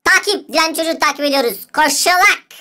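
A woman voicing an eager, excitable boy who rushes loudly into adventure. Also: sits high. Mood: excited.

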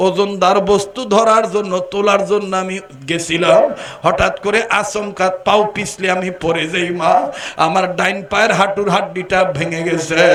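A man's voice: high-pitched, fairly bright tone. A male preacher playing a young migrant worker who weeps to his mother over an injury, in an echoey recording. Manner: sobbing, pleading. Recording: echoey sound system.

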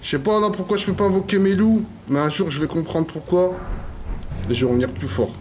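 A man giving live gameplay commentary, slangy and excitable, swearing and trash-talking enemies and repeating phrases. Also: high-pitched, fairly quick, a little hiss or hum. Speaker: gaming YouTuber.

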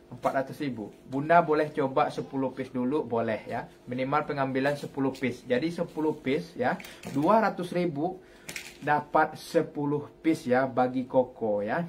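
A man's voice: mid-range voice, moderate pace, slight background noise. A man in his thirties selling clothes on a live stream with repetitive, hawker-like calls, recorded on a phone in a shop. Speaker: live online clothing seller. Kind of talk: live sales pitch.

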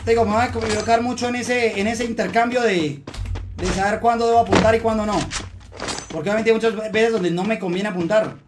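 A man streaming live gameplay, chatting to viewers and muttering to calm himself down during fights. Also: high voice, fairly quick, noisy background. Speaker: gaming streamer.

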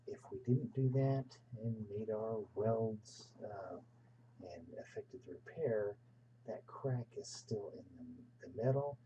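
Low-voiced male instructor, halting delivery. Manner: halting, with many fillers. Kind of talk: narrated slide lecture. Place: voice-over. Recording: distant mic with steady hum.

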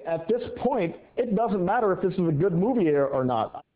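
A man in his thirties interviewed for a news story, explaining thoughtfully with pauses. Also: sits high, expressive, phone-quality sound.

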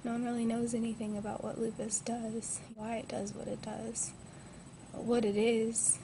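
A woman's voice: fairly high pitch, flat delivery, moderate pace, creaky. A twenty-year-old woman talking in a groggy, subdued manner to a device mic, in a casual personal vlog from a hospital bed. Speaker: vlogger. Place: lying in a hospital bed indoors. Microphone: built-in device mic at close range. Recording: noisy amateur webcam audio.

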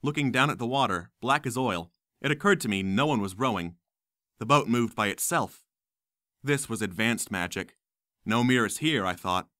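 Lively, bright-voiced man narrating. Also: medium pitch, moderate pace, dry recording, studio quality. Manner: wry, lively storytelling. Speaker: audiobook narrator. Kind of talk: first-person audiobook narration.

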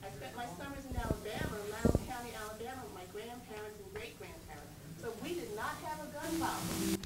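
A woman's voice: fairly high pitch, lively intonation, a little fast. A woman from Newark in the audience insists on her point, repeating it firmly. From Newark, USA. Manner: insistent, repetitive. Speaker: audience member. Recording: roomy, distant, noisy.

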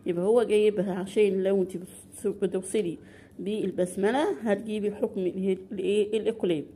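There's slight background noise as a woman with an Egyptian Arabic accent teaches beginner Quran recitation in a steady, mellow, mid-range voice. She asks questions and answers them herself, slowly stretching out example words.

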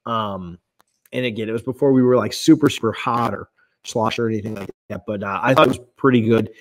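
A man's voice: on the low side, brisk. A man co-hosting a podcast in casual chat, rambling with many ums, his mic clipping and distorted. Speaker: podcast co-host.

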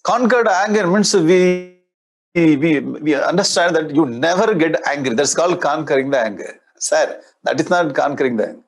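An older man in his sixties with a South Indian accent teaches scripture in a conversational lecture style. His voice sits a little high and has a husky grain. He often repeats key phrases as he explains. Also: fairly quick, hardly any pauses. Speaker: spiritual teacher. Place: indoor studio in front of a display board. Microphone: lapel mic.

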